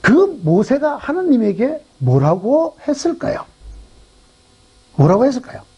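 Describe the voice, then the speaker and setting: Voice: high voice, big pitch swings, measured pace, a little mellow, husky. A pastor preaching a sermon at a church revival meeting, telling a story and asking the congregation rhetorical questions.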